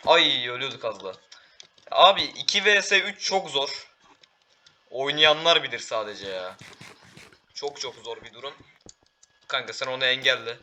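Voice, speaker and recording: A teenage boy giving excitable live commentary while playing a game, calling out to teammates and viewers. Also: mid-range voice, slight background noise. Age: teens. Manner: excitable, talks to teammates and viewers, frequent exclamations. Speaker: gaming YouTuber.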